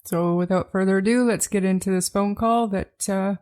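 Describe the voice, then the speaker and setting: A woman's voice: mid-range voice, fairly even intonation, normal speed, darkish tone. A woman hosting a true crime podcast, talking casually with frequent ums and restarts. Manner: hesitant, many ums and restarts. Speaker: podcast host.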